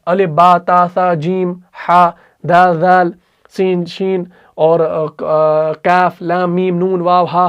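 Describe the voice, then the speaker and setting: A man with an Urdu accent teaching Quran recitation rules, patiently repeating letters and sounds slowly. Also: sits high. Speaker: tajweed teacher.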